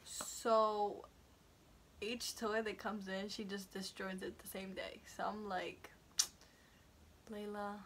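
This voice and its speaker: A woman's voice: mid-range voice, level tone, slow pace, a bit bright. A young woman chatting casually as she unboxes a package, rambling and trailing off mid-sentence. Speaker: vlogger. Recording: noisy home recording.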